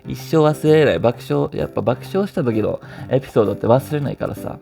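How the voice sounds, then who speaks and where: A vlog host with a Kansai Japanese accent reads out listener stories in a chatty, playful way, often laughing and teasing. His mid-range voice is a little fast, creaky and warm, with soft music playing in the background.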